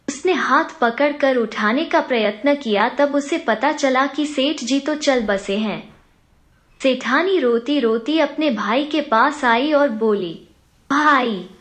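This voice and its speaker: Woman, storyteller, high pitch, slow pace, measured. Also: fairly bright tone. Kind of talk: reading a moral story.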